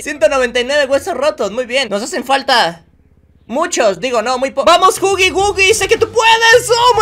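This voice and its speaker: A man narrates his gameplay for his channel. He talks in excitable bursts, yelling and laughing as things happen on screen. His commentary is quick and spontaneous. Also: very high-pitched. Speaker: gaming YouTuber.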